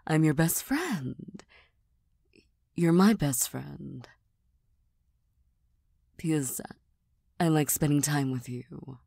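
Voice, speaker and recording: A tired, serious cat girl, voiced by a woman in a soft ASMR role-play for ASMR. She speaks slowly and breathily in a low register. Her manner is deadpan and hesitant, gently teasing and quick to put herself down. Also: gravelly, slightly rough, no echo, clean studio sound, full character voice. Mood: shy, fond. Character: tired, serious, self-deprecating young cat-girl best friend.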